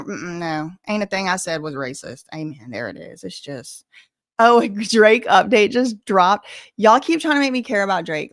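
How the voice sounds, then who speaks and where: Chatting sassily with her live stream viewers, this Louisiana woman reads their messages aloud and replies in plain, colloquial American speech. Her voice sits lowish and fairly bright, recorded dry and clean as in a studio.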